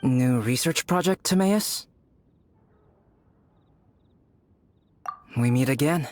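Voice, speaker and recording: A man playing a composed, polite young scholar in a video game, articulate and measured, gently teasing. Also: medium pitch, faint music behind, close to an everyday voice. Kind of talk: video game cutscene voice acting.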